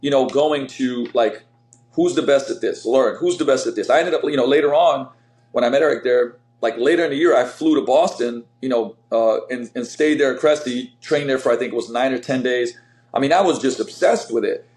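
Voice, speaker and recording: A middle-aged man from Slovenia talks in a casual interview, full of energy and fillers, restarting his sentences as he goes. His voice sits at an ordinary pitch. The room gives it a noticeable echo. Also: a little fast. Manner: energetic, rambling, lots of fillers. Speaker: fitness coach, guest. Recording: roomy echo.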